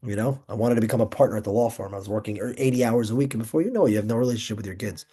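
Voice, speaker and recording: Young male Torah teacher: excitable, emphatic delivery, mellow, darker tone. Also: lowish voice, very fast, slightly rough. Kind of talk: informal Torah class.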